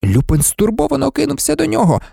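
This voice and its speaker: Animated male audiobook narrator. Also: extremely high pitch, fast, creaky, no room sound, studio quality. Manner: expressive, animated storytelling.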